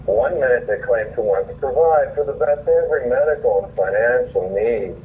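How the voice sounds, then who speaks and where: This caller is a man with a mid-range voice, animated and at a moderate pace, earnestly and indignantly voicing his view. He first reads his own written opinion piece, then talks informally. The phone call sounds muffled and distant, with faint noise.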